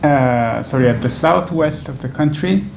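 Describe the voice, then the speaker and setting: A young man from Venezuela speaks in a slightly gravelly, mid-pitched voice, pausing often and restarting his sentences as he answers interview questions. He sits in a small indoor room close to a stand microphone, with a faint hiss behind him. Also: darkish tone. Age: 20s. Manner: thoughtful, hesitant, many fillers and restarts. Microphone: stand microphone in front.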